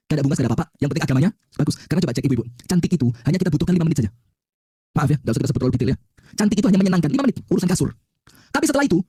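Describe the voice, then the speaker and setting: A man preaching a lively, joking sermon, quizzing the audience and having them call back answers. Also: on the high side, husky, dry recording, studio quality.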